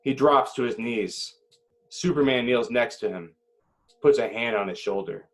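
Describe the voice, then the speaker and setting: At a table read, a man with a mid-range voice reads the screenplay directions as dramatic narration, phrasing deliberately and leaving short pauses.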